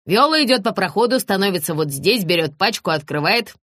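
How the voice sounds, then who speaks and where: A woman's voice: medium pitch, expressive, a little fast, fairly bright tone, dry recording, studio quality. A woman voicing an impatient man directing a shoot, barking orders in an audiobook reading. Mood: bossy. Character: bossy shouting male film director.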